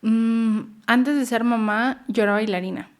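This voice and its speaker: A woman's voice: a little high, measured pace, clear, resonant tone. Young Mexican woman, podcast guest, earnest mother, heartfelt storytelling. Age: young adult. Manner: earnest, repeats words for emphasis, acts out quotes. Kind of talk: emotional personal storytelling.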